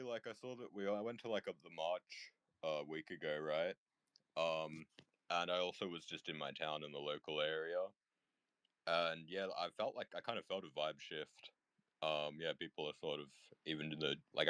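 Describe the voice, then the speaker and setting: A man's voice: extremely low pitch, fairly bright tone, no echo. A young man talking in a casual voice chat, hesitant and full of "like" and "um". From Australia.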